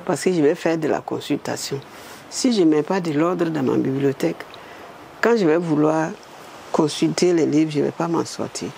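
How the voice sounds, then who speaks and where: A woman in her eighties from Burkina Faso, a former state secretary telling her story in a lively, animated way. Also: deep voice, moderate pace, creaky, a little hiss or hum. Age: 80s. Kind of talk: storytelling interview.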